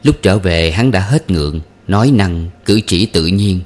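A man narrating a novel as an audiobook, with steady, measured storytelling. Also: low voice.

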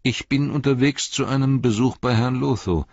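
A man voicing a calm, composed male hobbit who speaks quietly and dryly. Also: medium pitch, normal speed, vocal fry, no room sound, dull audio, pitched above the performer's own voice. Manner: calm, dry.

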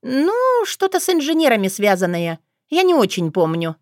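Woman reads a touchy teen girl in a storybook, pitched up, pouty and whiny, voice leaping around, dry close mic. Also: huge pitch swings, moderate pace, a little mellow, no echo. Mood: offhand. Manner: petulant, indignant, whiny. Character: spoiled, touchy teenage girl, vain and quick to take offense. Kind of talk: audiobook character voice.

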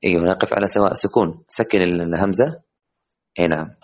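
Low-voiced man teaching tajweed. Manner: quizzes students and praises their answers; slows down and stretches words when reciting examples. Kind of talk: online Quran recitation lesson for women.

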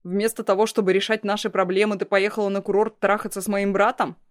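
A woman voicing a cruel young man, a blackmailing ex-fiancé, in a loud, mocking, threatening way. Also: medium pitch, flat delivery, quick pace, lightly acted. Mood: menacing.

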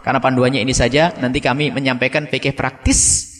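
A man delivers a sermon to a gathering in an animated way. He climbs to high, emphatic peaks and then falls back into quiet asides, all in a middle-pitched voice. A long reverb hangs on his words in the large hall. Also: fast. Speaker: preacher.

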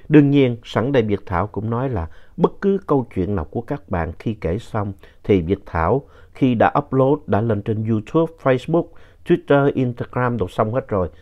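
A man narrating ghost stories sent in by listeners, telling them in an animated storytelling manner. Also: fairly low pitch. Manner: animated storyteller, voice rising in tense moments. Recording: dull lo-fi recording.

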